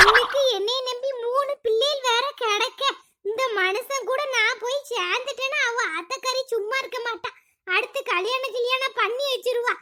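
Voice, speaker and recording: A fretful, self-pitying mother who is laid up sick, in a village cartoon, voiced by a woman. The voice is very high and bright, with a whiny edge she keeps up throughout. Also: a little hiss or hum. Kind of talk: cartoon voice acting.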